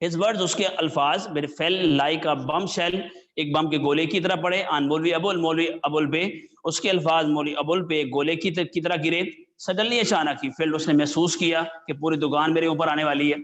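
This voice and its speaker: A man teaching an English textbook lesson. He reads each English phrase slowly, then explains it in Urdu. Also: a little high, steady tone, a bit bright.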